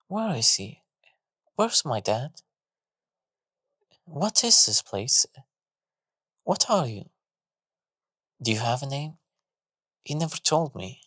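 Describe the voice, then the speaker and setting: A man voicing a timid little girl who talks softly and hesitantly. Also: mid-range voice, dry recording. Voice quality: soft, hesitant. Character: timid little girl, frightened and soft-spoken.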